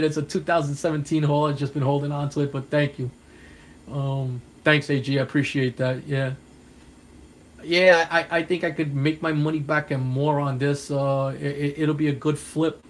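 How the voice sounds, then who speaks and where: A man's voice: mid-range voice, slight background noise. New York man rambling in a vlog. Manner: rambling, repeats himself, thanks viewers by name. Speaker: comic book collector vlogger. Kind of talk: casual vlog chat to viewers.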